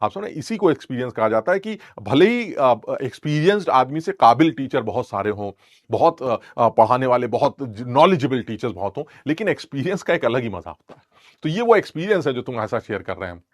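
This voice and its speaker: A young man teaching chemistry in Hindi, in a lively classroom-style lecture full of jokes, anecdotes and mock scolding of students. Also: medium pitch, fairly quick, dry recording, studio quality. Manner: colloquial, joking, scolding asides to students.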